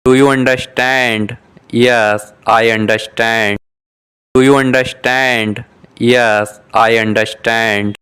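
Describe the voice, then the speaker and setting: A slow, flat, very clear man with a mid-range voice reads scripted beginner dialogues for English shadowing practice. Each short question-and-answer exchange comes twice, delivered in a measured, carefully articulated way.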